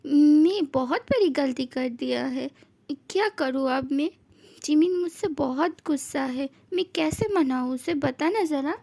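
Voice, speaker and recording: Woman reading a remorseful young man, self-blaming, high voice, slow halting words. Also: creaky, mellow. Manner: self-blaming, pleading for advice. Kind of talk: fan-fiction voice acting.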